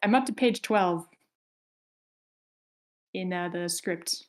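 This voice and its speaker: On an online voice call, a woman hosts a table read, casting parts and organizing the group in a casual, polite way. Her voice sits on the low side and she speaks slowly.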